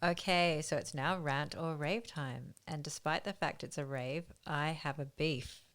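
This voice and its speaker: A confident woman co-host with a notably low voice for a woman. She delivers her segment with emphasis, in an informative, semi-scripted way. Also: measured pace, a bit bright, soft background music.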